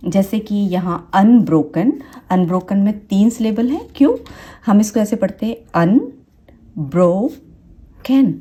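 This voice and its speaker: A woman, explaining English spelling rules slowly, with many pauses and fillers. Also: medium pitch, warm tone. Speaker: English teacher.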